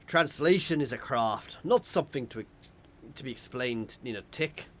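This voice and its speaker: A man voicing a gruff, loyal old male ship seneschal with an old-fashioned, blustery delivery. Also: medium pitch, lively intonation, moderate pace, fairly bright tone, lightly acted. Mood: urgent.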